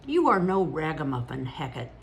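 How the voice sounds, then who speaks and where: A woman's voice: sits low, sing-song, moderate pace, slight background noise. A woman in her older years reading aloud as an earnest, solemn young boy.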